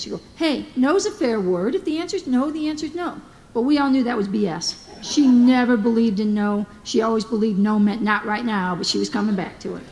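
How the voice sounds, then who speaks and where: A woman's voice: gravelly, a little mellow. A woman giving a humorous, anecdotal eulogy speech as a former staffer, telling stories and quoting others. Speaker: memorial speaker, former staffer. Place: large hall. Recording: long hall reverb, faint rumble.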